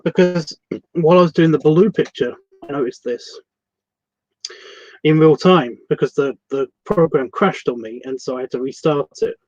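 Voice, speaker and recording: A man's voice: on the high side, normal speed, darkish tone, no echo. Rambling Scottish man, dry muffled mic. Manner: rambling and self-correcting, swears casually. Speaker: art class host. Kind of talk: casual livestream art tutorial. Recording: dry, slightly muffled lo-fi sound.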